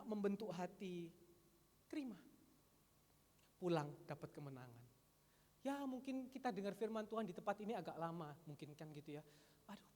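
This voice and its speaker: A male pastor preaching a sermon, lively, switching between loud emphatic calls and quiet asides. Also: high-pitched. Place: large church hall. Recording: long church hall reverb.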